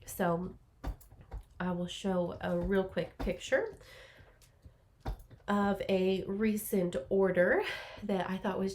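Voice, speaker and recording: A young woman with a mid-range voice hosts a craft podcast from her small home office, rambling casually to camera with plenty of ums. Allergies leave her a little congested, and her laptop's built-in mic adds a faint hiss or hum.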